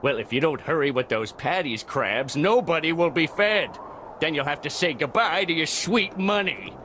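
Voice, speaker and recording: Cartoon game villain, male actor: tiny scheming plankton, scornful, high forceful sharp voice, faint noise. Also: normal speed, natural voice. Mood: irritated, scornful. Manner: sneering, forceful.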